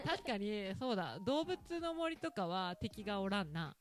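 Chatty Ehime-accented woman host, bright lively lilt, quick to laugh, faint music bed. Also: medium pitch. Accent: Ehime Japanese. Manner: laughs often, chatty and teasing. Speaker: podcast host talking with her daughter. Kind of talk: casual talk radio chat.

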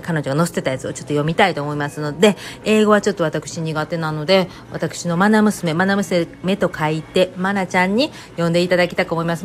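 A woman with a Kansai accent chatting casually to her viewers in a rambling, joking way, with many fillers. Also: lowish voice. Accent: Kansai Japanese. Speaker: vlogger. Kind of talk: casual chat to camera.

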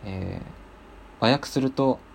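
A man's voice: mid-range voice, slow pace, creaky, slight background noise. A man hosting a casual talk show, speaking politely with many hesitant fillers. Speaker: podcast host.

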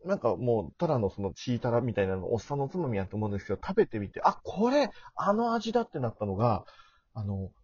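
Gravelly middle-aged man, lively intonation. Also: mid-range voice, fast talker, dry recording. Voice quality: gravelly, rough voice. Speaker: podcast guest. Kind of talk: casual chat. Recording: dull, muffled lo-fi audio.

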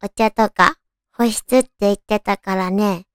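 A woman with a naturally cute, girlish anime-style voice hosts a casual solo radio chat, talking to her listeners in a cutesy, animated way. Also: medium pitch, measured pace, clear, resonant tone, no room sound, studio quality. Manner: cutesy, animated, addressing listeners with soft questions. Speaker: radio show host.

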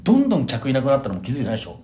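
A man's voice: medium pitch, huge pitch swings, very fast, mellow. A male comedian hosting a casual comedy talk, teasing his partner and telling stories with quoted voices. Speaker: comedian podcast host.

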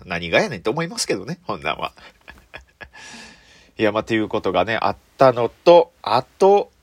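Animated low-voiced Kansai man. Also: dry recording. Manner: lively storyteller with sound effects, often laughing. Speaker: solo comedian radio host. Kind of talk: casual solo radio chat.

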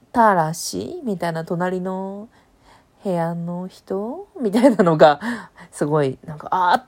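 A woman's voice: fairly low pitch, darkish tone. A woman hosting a casual solo podcast, rambling about TV dramas with many fillers, thinking aloud. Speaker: podcast host.

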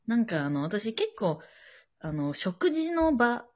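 Woman from Japan, podcast co-host, casual rambling chat, husky and lively, lo-fi recording. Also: a little high, slow pace. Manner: rambling, searching for words. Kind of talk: casual chat, telling a personal worry.

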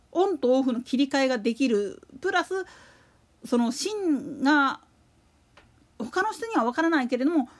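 A high-pitched woman hosts a podcast solo, offering casual, rambling, opinionated commentary and repeating points for emphasis.

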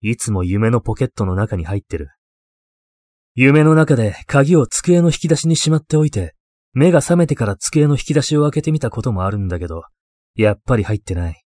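A man voicing an eccentric, obsessive male occult enthusiast in a ghost story, terse, low-key and matter-of-fact. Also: animated, brisk, darkish tone, dry recording, close to an everyday voice. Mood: wistful, matter-of-fact. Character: eccentric, obsessive male occult-loving mentor, deadpan and wistful.

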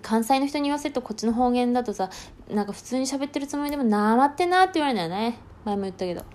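A woman, hosting a casual solo talk show in rough, blunt, colloquial speech. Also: a little high, animated, rapid-fire, a little mellow. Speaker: podcast host.

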